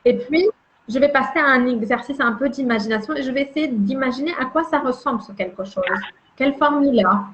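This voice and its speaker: A woman explaining a calming emotion exercise in conversation, gentle and demonstrative, often repeating her words. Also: high voice, fairly quick, dull audio, a little hiss or hum. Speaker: emotional wellbeing guide.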